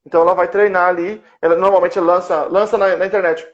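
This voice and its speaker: Brazilian male professor, high-pitched, conversational, explains step by step with examples; muffled lo-fi sound. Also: steady tone, fast talker. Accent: Brazilian Portuguese. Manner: explains step by step with worked examples, thinking aloud. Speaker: professor explaining a therapy method. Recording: dull lo-fi recording.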